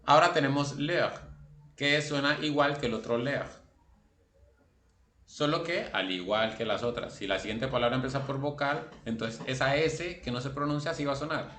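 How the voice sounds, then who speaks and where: A man's voice: mid-range voice, moderate pace, fairly bright tone, roomy sound. A man teaching a language class online, explaining rules step by step and calling on students by name.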